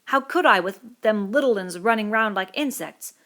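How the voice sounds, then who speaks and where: A woman's voice: medium pitch, lively intonation, normal speed, a bit bright, voice pushed up, close to an everyday voice. Woman voicing a fussy, indignant schoolboy. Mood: aggrieved. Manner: indignant, lecturing, breathless, working-class boy's dialect. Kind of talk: audiobook character reading.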